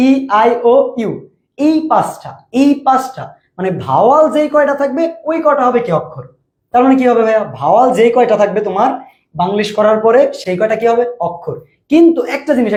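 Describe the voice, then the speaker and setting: A young male teacher with a colloquial Bangladeshi accent, his voice high for a man, lectures students in a casual style. He keeps asking whether they understand and stretches example words out slowly. The recording carries a roomy echo. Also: a little mellow. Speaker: admission coaching teacher.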